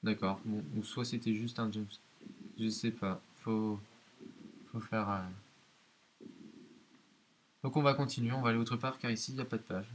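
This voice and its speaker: A man's voice: lowish voice, fairly even intonation, a little slow, pauses often. A man giving hesitant, explanatory let's-play commentary of a horror game, talking directly to his viewers. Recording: hissy home recording.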